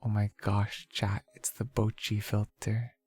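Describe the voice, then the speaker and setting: A playful, goofy livestreamer with a creaky voice, chatting casually to viewers and tossing in silly exclamations. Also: medium pitch, level tone, unhurried, darkish tone, faint music behind. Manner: playful, goofy, with sing-song nonsense exclamations.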